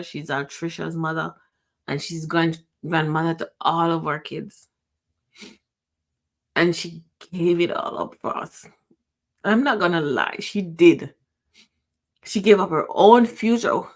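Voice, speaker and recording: Speaking in a rather low voice, a middle-aged woman with a Jamaican accent hosts her podcast and reflects on personal matters. Her delivery is emotional, with frequent pauses, restarted sentences and thoughts that trail off.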